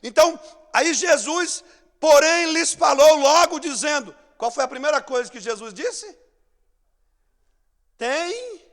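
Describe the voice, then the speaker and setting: A man with a Brazilian Portuguese accent preaching a sermon, acting out scenes, swinging between shouts and hushed asides. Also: very high voice. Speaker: pastor. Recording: long church hall reverb.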